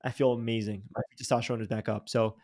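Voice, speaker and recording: Talking fast at a typical male pitch, a young man hosts a casual interview podcast with loose, animated energy. Thoughts tumble out with frequent restarts, sprinkled with slang such as "bro" and "dude."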